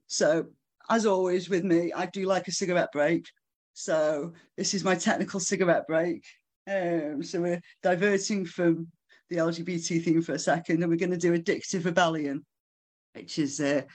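Poet reading own work aloud, very slow and measured, relaxed asides with ums. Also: medium pitch. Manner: slow, measured reading broken by casual remarks and fillers. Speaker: author reading own poems. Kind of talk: live poetry reading with chatty asides. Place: live book launch event.

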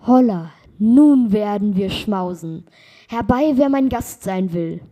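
A woman's voice: mid-range voice, animated, moderate pace, mellow, slightly rough. A woman voicing an earnest young journeyman in a read-aloud fairy tale, calling out heartily.

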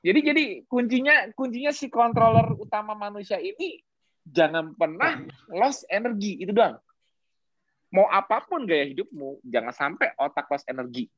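A speaker explaining health science in casual podcast talk, animated, posing rhetorical questions and mixing in English terms. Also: mid-range voice, moderate pace, dry recording, highs cut off.

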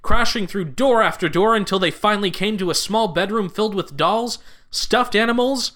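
A man narrating an audio drama with expressive, lively storytelling. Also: high voice, moderate pace.

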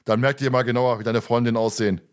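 A man's voice: mid-range voice, fairly even intonation, fast, voice pushed down, close to an everyday voice. A man voicing a hostile young bodybuilder in a read-aloud, curt and hissing.

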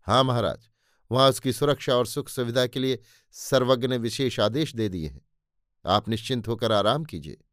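A male narrator reads the part of a calm, composed woman attendant in an audiobook tale. She speaks firmly and evenly, recorded close and dry. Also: mid-range voice, moderate pace, no room sound, lightly acted. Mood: soothing. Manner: firm, composed. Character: firm female attendant, grown, composed.

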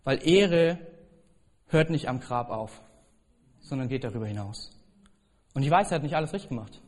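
A man preaching a sermon as pastor, telling a personal story and rising to loud, emphatic peaks. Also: mid-range voice, lively intonation, moderate pace.

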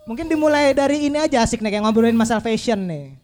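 High-pitched guy hosting a live podcast, fast and jokey. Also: expressive, a little mellow, soft background music. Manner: joking, teasing, quick back-and-forth. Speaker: podcast host. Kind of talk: casual live podcast banter. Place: live event at a shop complex.

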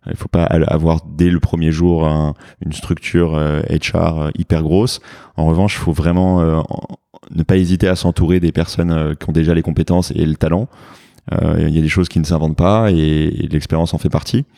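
A French man with a very deep, mellow voice explains his fitness business in an interview. He hesitates often and fills pauses with fillers. The recording is close and dry. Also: level tone, creaky, no echo. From France. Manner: hesitant, many fillers and restarts. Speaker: fitness studio founder.

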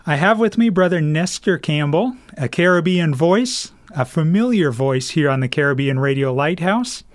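A man's voice: a little high, expressive, moderate pace, no echo. A man hosting a radio call-in program from a studio, speaking in a formal, announcer-like way. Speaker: radio host.

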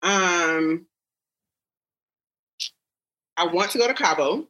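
A woman in her thirties chatting casually with friends, animated and slangy, laughing often. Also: lowish voice, unhurried. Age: 30s. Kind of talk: casual chat among friends.

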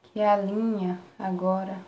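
A Brazilian woman guiding a relaxation meditation in a soft, soothing spa-like manner, with long pauses between short phrases. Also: medium pitch, flat delivery, highs cut off. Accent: Brazilian Portuguese. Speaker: meditation guide. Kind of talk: guided relaxation meditation, live. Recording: roomy echo, faint background noise.

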